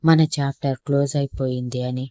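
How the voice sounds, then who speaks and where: A woman reading the lines of a young mother who speaks in a sharp, scolding way. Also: extremely low pitch, fairly even intonation, normal speed, dry recording, muffled recording. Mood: irritated.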